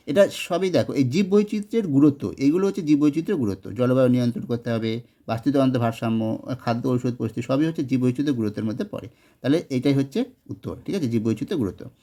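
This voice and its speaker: A man's voice: medium pitch, dark tone. Hesitant male teacher talking through exam answers. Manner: explains step by step, checks in with "ঠিক আছে?"; frequent hesitations and self-corrections. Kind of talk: exam solution walkthrough.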